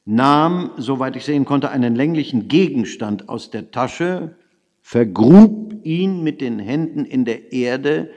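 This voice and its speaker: A man narrating a literary story in the first person, measured, hushed and intent. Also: medium pitch, lively intonation. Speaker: audiobook reader. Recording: long reverb.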